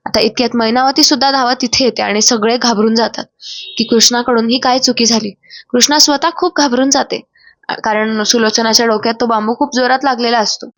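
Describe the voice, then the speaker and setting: A woman narrating a recap of a TV serial in a brisk storytelling manner with fillers. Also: a little high, a bit bright, no room sound. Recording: dry, slightly dull sound.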